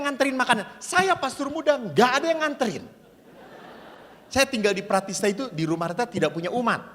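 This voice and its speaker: Priest guy telling funny stories in a sermon, bright lively voice, long hall echo. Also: very high-pitched. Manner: lively storyteller who acts out dialogue. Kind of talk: humorous retreat sermon. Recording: reverberant hall.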